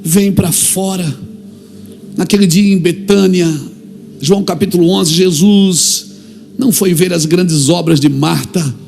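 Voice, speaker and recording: A man with a Brazilian Portuguese accent preaching an impassioned church sermon, acting out little dialogues and building to shouted climaxes. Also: high-pitched, fairly even intonation, measured pace, gravelly, faint music behind.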